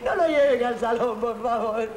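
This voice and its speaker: A woman's voice: a little high, normal speed, roomy sound, a loud crowd, natural voice, rough recording. An actress with a Cuban accent playing an intense, desperate woman who pleads and swears often, in a film drama. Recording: film audio with steady background noise.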